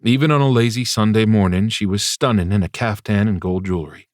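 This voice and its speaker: A man's voice: on the low side, a little fast, no echo. A man reading a first-person audiobook in a wry, dryly humorous way, close to the mic. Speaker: audiobook narrator.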